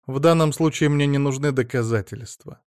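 A man's voice: medium pitch, normal speed, darkish tone, clean tone, no echo, clean studio sound, voice pushed up, natural voice. A man reading an audiobook, voicing a bitter middle-aged woman who speaks with contempt. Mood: contemptuous. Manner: contemptuous, biting.

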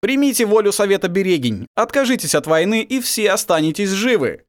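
A man's voice: high voice, big pitch swings, brisk, voice pushed up. A man voicing a young, resolute human prince, speaking with force in a raised voice. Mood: commanding.

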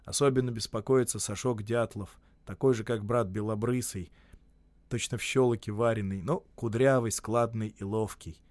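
A man's voice: lowish voice, fairly even intonation, normal speed, a little mellow, no echo. Man reading a story aloud, dry sound. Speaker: narrator. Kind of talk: scripted literary narration.

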